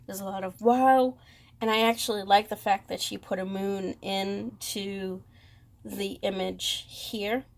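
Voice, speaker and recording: A woman with a Boston accent, talking slowly through a tarot deck comparison with many pauses and fond praise. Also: medium pitch, creaky. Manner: slow, hesitant, lots of ums, gushing. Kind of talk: casual deck walkthrough.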